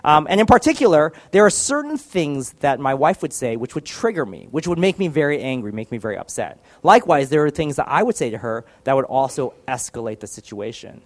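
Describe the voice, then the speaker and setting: A man's voice: medium pitch, very animated, fairly quick, hardly any pauses. A married man giving a personal faith testimony in a candid, self-deprecating storytelling manner. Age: adult, married.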